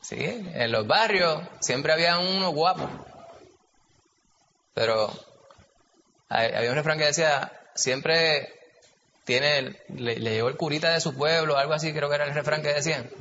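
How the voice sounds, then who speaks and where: A man's voice: on the high side, moderate pace, long pauses, bright, forceful tone. A man with a Puerto Rican accent leading a Bible study in a chatty way, putting questions to the group. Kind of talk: conversational Bible teaching. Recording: dull, echoey hall recording, faint hiss.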